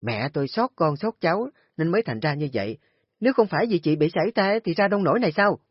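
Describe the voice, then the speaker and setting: A man's voice: fairly high pitch, animated, fast talker, dry recording, pitched above the performer's own voice. A man playing a furious young daughter. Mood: angry accusing. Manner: angry, accusing. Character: indignant young woman, hot-tempered daughter defending her mother. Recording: dull lo-fi audio with faint music.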